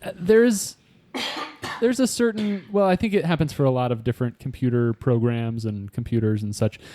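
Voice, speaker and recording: A man chatting casually on a podcast, rambling and musing out loud with the odd chuckle. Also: medium pitch, normal speed, a little hiss or hum. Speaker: quiz contestant, co-host.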